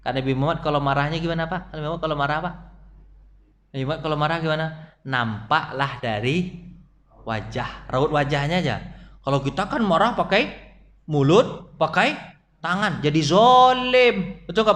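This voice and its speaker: A man's voice: fairly high pitch, fairly quick. A middle-aged man preaching at a mosque study session, telling stories and putting questions to his audience. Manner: animated storytelling, asks the audience questions.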